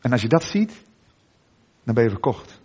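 A middle-aged man preaching a sermon in a church, earnest, with dramatic pauses and endings that drop soft. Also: medium pitch, sing-song, breathy edge.

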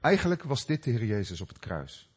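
A middle-aged man preaching a sermon, telling stories with dramatic swings between loud cries and hushed, low passages. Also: sing-song, fairly quick, husky. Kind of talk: sermon with personal story.

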